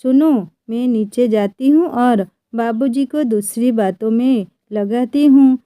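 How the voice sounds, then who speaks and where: A woman's voice: on the high side, slow, mellow, dry recording, clean studio sound. A woman voicing a bold young landlord's daughter in a read-aloud story, confident and teasing. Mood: assertive.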